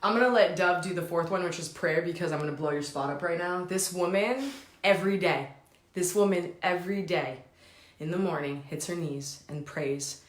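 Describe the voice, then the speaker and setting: A woman's voice: on the low side, moderate pace. A woman co-hosting a motivational pep talk, speaking in a candid, heartfelt way. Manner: candid, heartfelt and self-revealing. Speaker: co-host. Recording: roomy echoey sound.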